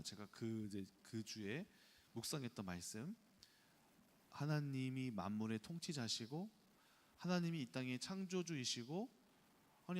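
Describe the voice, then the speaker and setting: A male pastor preaching a sermon, telling a personal story with lively, acted-out quotes of his own thoughts. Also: fairly high pitch. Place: church sanctuary. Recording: long church reverb.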